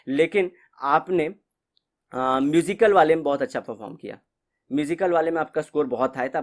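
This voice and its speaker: Chatty male teacher mixing in English. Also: a little high. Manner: conversational, mixes English phrases, repeats ठीक है. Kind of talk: casual Hindi-English classroom lecture.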